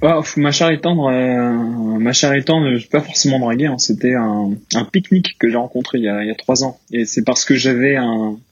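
A man as a guest on a casual podcast, talking in a relaxed, hesitant way with many fillers. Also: medium pitch, fairly quick, few pauses, husky, dull audio. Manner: relaxed, hesitant, laughs often. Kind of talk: casual interview chat.

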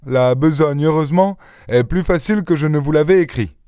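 A man voicing an excitable, effusive middle-aged château owner, his voice raised high. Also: moderate pace, no room sound, studio quality, close to an everyday voice. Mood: insistant. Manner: exuberant, effusive.

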